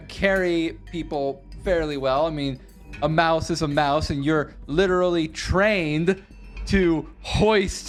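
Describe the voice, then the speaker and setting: A casual game master talks through a tabletop game, pausing on fillers and restarting sentences. Soft background music plays under the voice. The pitch sits in a middle range. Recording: stream with faint background music.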